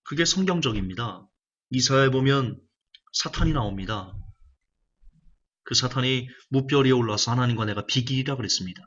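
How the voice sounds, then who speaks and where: Husky-voiced preacher, emphatic and repetitive. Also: male voice, mid-range voice, moderate pace, fairly bright tone, muffled recording. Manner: emphatic preaching, repeats key phrases. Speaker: pastor. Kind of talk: sermon.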